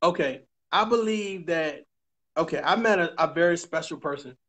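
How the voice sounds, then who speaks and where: A man's voice: on the high side, animated, a bit bright. Emphatic preachy man hosting a talk show. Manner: emphatic, preachy, swears, repeats points slowly. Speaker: podcast host.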